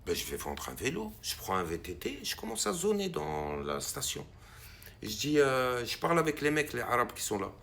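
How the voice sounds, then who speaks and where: A man a gravelly, creaky voice flecked spins a long personal anecdote. He talks in a loose, conversational way and throws his voice high and loud whenever he imitates the people in the story. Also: normal speed, a little hiss or hum. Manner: animated, acts out quoted voices with big pitch jumps. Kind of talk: casual spoken anecdote.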